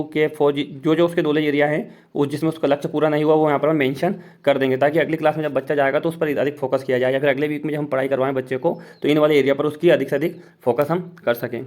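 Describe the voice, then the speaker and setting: Fast-talking man explaining a tracker sheet. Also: a little high, a little mellow. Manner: explains step by step, pointing at a sheet. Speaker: teacher. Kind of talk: casual instructional walkthrough.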